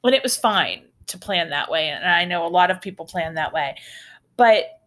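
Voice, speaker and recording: With a lively, lowish, slightly bright voice at a moderate pace, a middle-aged American woman tells travel tales on her casual storytelling podcast. She's chatty and rambling, with restarts and asides.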